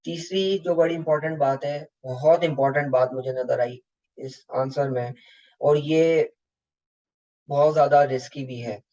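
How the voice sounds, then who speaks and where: A man's voice: fairly high pitch, steady tone, a little slow, dark tone. Male tutor on lo-fi audio. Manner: explanatory, mixing English terms, asks students rhetorical questions. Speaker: accountancy exam tutor. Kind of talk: recorded lecture reviewing mock exam answers.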